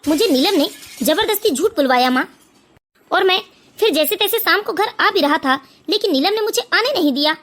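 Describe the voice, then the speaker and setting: Cartoon son, sheepish and stammering, very high voice, as a woman plays him. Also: expressive, moderate pace, fairly bright tone. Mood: defensive. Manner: stammering, defensive. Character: young husband and son, sheepish.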